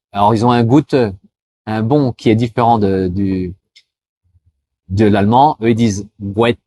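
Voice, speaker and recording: A man from France talking casually to the viewer, full of fillers, slowing down to spell out greetings. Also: medium pitch, darkish tone. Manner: chatty, addresses viewer as tu, frequent euh fillers; slows down to demonstrate pronunciation. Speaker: vlogger giving advice to cross-border workers. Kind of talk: casual explanatory talk with mini language lesson.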